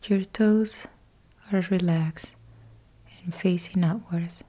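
As a yoga nidra instructor, a woman guides a sleep meditation in a soothing hush, using short measured phrases that end softly and breathily. Her pitch sits fairly low and her tone stays steady.

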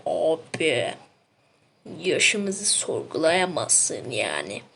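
A young man voicing a sleepy male game brawler who drawls every word very slowly, his voice muffled and swallowed. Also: mid-range voice, huge pitch swings, vocal fry, fairly bright tone, a little hiss or hum, voice pushed down, exaggerated voice. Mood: drowsy.

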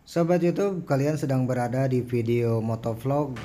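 A man from Cianjur, West Java, Indonesia, narrates a casual motovlog while riding a scooter outdoors, captured on a helmet-mounted action camera. His medium-pitched voice moves at a moderate pace, relaxed and chatty but excited on steep climbs, with loud music playing underneath.

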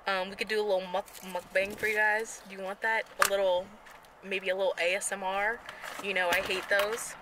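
A young woman rambling excitedly in a casual vlog, talking to her handheld camera. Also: mid-range voice, brisk, noisy background. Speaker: vlogger. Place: bedroom, then a parked car.

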